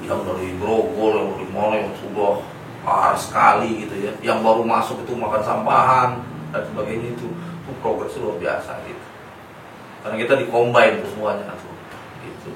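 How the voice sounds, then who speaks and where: Male clinic therapist, gentle and explanatory, off-mic in a very echoey room. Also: on the low side, level tone, fairly quick. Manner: gentle coaching, then plain explanation to parents. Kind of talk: clinical consultation with a patient and family. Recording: echoey room, mic at a distance, faint noise.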